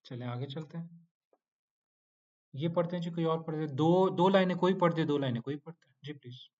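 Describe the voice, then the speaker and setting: A man's voice: on the high side, fairly quick, a little mellow, muffled recording. Male teacher coaxing students through quizzes. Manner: playful scolding, pleads for homework. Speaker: Quranic Arabic teacher. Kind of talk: online class teaching.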